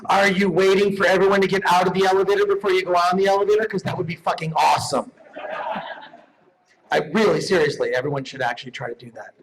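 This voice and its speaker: A man with a high voice speaks fast while presenting awards live on stage, joking, swearing, and hitting his lines with comedic emphasis. The live-event recording is noisy, with clicks.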